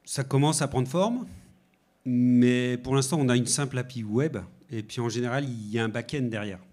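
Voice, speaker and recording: A man's voice: mid-range voice, moderate pace, darkish tone. A man from France co-presenting a conference talk, setting up each demo step with short leading questions.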